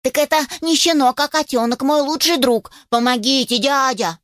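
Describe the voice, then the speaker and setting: A woman's voice: sits high, normal speed, a bit bright, dry recording, studio quality, voice pushed up. A woman voicing a loyal young male puppy who begs everyone for help. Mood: pleading. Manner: eager, pleading.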